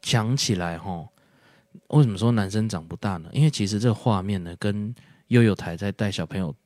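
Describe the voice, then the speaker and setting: A man chats casually on a podcast, his voice sitting low. He rambles through explanations with frequent fillers and restarts, recorded dry and close. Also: a little fast, darkish tone, no room sound. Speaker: podcast co-host. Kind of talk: casual chat.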